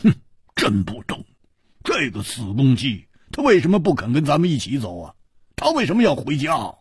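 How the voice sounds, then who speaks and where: Man playing a hearty hard-drinking swordsman, loud huffs, husky, lively pitch, storytelling broadcast. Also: normal speed, dry recording, clean studio sound, exaggerated voice. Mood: grumbling. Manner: grumbling huffs and loud exclamations.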